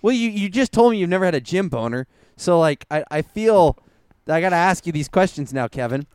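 A man's voice: high-pitched, animated, a little fast, a little mellow, clear, resonant tone, no echo. A man co-hosting a podcast, teasing his friend in crude casual chat, swearing and laughing often. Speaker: podcast co-host.

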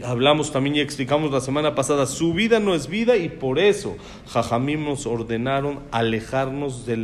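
A man's voice: mid-range voice, slight background noise. Man teaching a religious class. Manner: conversational, questions students directly.

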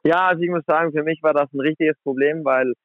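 A German handball player in his twenties chats in a relaxed interview, fast and a little high-voiced, peppering his speech with fillers like "sag ich mal." He's on a phone, so the line sounds tinny, though there's no room sound.

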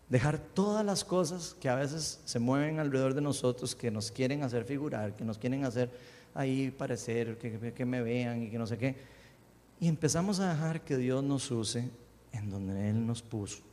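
A man preaching a sermon, praying aloud and reading scripture, with impassioned swings between loud lifted phrases and soft low prayer. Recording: long hall reverb.

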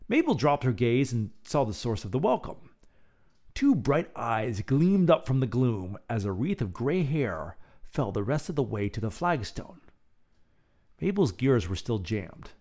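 A man in the role of bedtime storyteller and relaxation guide, speaking in a soothing, measured, expressive way. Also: mid-range voice.

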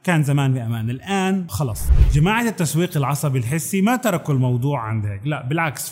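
A man's voice: on the high side, darkish tone. A man with a Levantine Arabic accent presenting a conversational explainer, addressing the listener directly with rhetorical questions. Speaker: video presenter.

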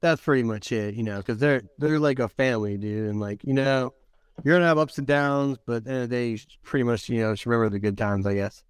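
A man's voice: mid-range voice, fast talker, smooth, no room sound, studio quality. A man in a casual podcast chat, easygoing and a bit hesitant, with laid-back slang.

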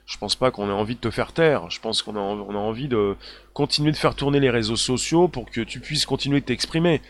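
A man's voice: mid-range voice, fairly quick. A man hosting a live stream, talking emphatically and repeating himself, with many fillers as he reads out viewer comments. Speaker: livestream host.

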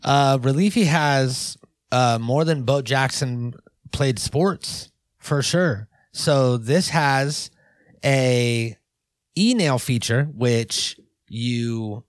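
A man's voice: medium pitch, drawn-out words, dry recording. Dry-sounding man chatting casually. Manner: slangy, loose, joking. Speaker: co-host. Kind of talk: casual banter with product demonstration.

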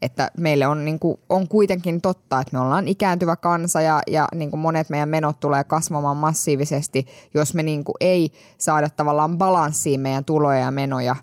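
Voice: medium pitch, steady tone, hardly any pauses, dry recording, studio quality. A participant in a casual policy discussion, speaking reflectively in long, winding sentences full of fillers.

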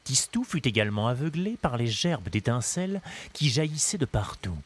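A man narrating a children's story in a measured, expressive reading. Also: medium pitch, husky.

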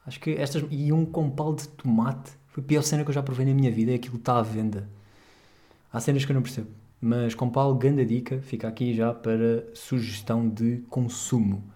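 A man's voice: mid-range voice, flat delivery, a little fast, mellow. A young man with a European Portuguese accent, hosting a podcast in a rambling, jokey, slangy way. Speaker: podcast host. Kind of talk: casual podcast chat.

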